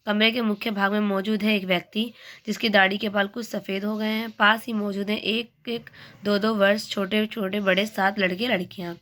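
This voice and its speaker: A woman teacher slowly reading a textbook play aloud for her class. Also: mid-range voice. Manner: slow, even, plain reading.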